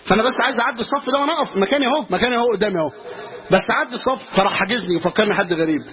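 A man's voice: sits high, racing. A man with an Egyptian Arabic accent teaching a religious lesson as a sheikh, telling stories with asides and humor. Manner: lively storytelling with asides and humor. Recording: dull lo-fi recording.

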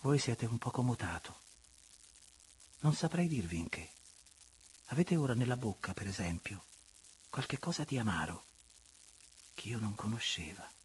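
A man voicing an elegant, guarded young noblewoman in an audiobook reading, in a soft, half-whispered delivery. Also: lowish voice, a little slow, long pauses, a little hiss or hum. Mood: tender.

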